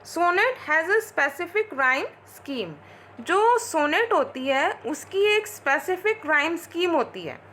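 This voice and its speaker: A woman's voice: very high voice, pushed and bright. A woman teacher giving a lecture, asking questions and answering them herself as she explains. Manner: explains slowly, asks and answers her own questions. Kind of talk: classroom lecture mixing Hindi and English.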